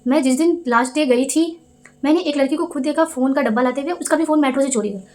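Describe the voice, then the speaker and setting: Fast-talking, high-voiced young woman vlogger. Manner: animated, indignant retelling with quoted dialogue. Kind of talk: casual storytelling vlog. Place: Delhi.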